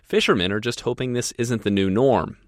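A man's voice: mid-range voice, a little fast, no room sound, clean studio sound. A man narrating a scripted radio news report as a reporter.

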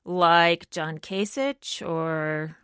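A woman's voice: fairly low pitch, fairly even intonation, very slow, fairly bright tone, clean tone, dry recording, studio quality. A woman hosting a radio interview, asking short, direct questions of a political guest.

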